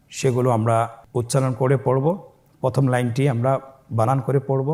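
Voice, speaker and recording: A man teaching Quran reading, spelling out letters and vowel marks slowly and asking listeners to repeat after him. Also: mid-range voice, mellow. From Bangladesh.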